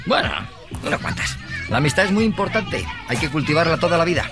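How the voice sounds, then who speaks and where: A man's voice: a little high, animated, fast, over loud music, lightly acted. An actor playing a breezy, evasive, boastful godfather with an accent from Spain in a film comedy. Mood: breezy, bluffing.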